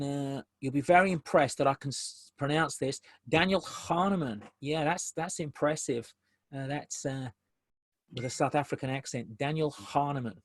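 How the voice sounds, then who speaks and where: A man's voice: mid-range voice, dry recording. Man presenting a business webinar. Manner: conversational, repeats key phrases for emphasis.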